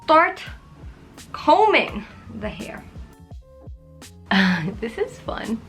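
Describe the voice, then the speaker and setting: A woman's voice: fairly high pitch, wildly swooping pitch, extremely slow, a bit bright, soft background music. A young woman casually chatting through a beauty tutorial at home, joking, rambling and yelping in pain. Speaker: beauty vlogger. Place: at home in front of a mirror.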